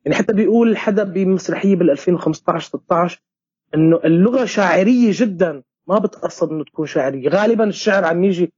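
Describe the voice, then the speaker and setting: A playwright and theatre director from Homs, speaking with a Syrian Arabic accent, answering questions in a halting way with many restarts and English words mixed in. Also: male voice, sits high, darkish tone, slightly rough, dry recording. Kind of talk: conversational interview answer. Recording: dull lo-fi sound.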